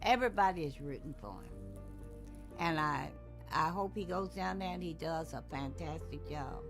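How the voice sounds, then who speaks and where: Soft-spoken encouraging woman coach. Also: low-pitched, normal speed, soft background music. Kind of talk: heartfelt interview talk.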